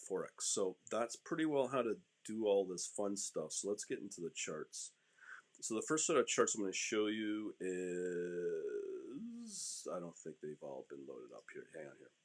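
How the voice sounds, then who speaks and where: A man with a low-volume voice hosting a live stream, giving casual market commentary in an informal, rambling way. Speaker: host of a live trading stream.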